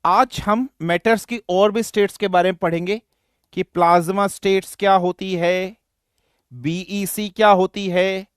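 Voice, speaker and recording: A man's voice: high voice, steady tone, a little slow, clear, resonant tone, dry recording, clean studio sound. A young man from western Uttar Pradesh teaching a live online class, joking and teasing his students between explanations.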